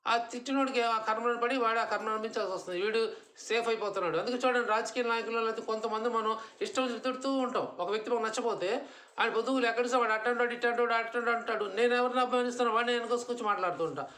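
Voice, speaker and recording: A man's voice: very high-pitched, rapid-fire, sharp tone. A man giving a devotional discourse at a home gathering, answering his own rhetorical questions and slipping English words into his talk. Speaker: satsang speaker.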